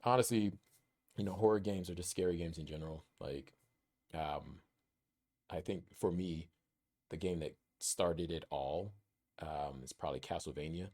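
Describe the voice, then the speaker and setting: Deep-voiced, enthusiastic podcast co-host man. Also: normal speed, pauses often, darkish tone. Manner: enthusiastic, rambling with fillers. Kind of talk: casual chat.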